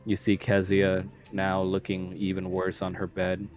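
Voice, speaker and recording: A man narrating a tabletop role-playing game as game master, describing scenes at an unhurried pace with some fillers. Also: deep voice, completely flat delivery, darkish tone, soft background music.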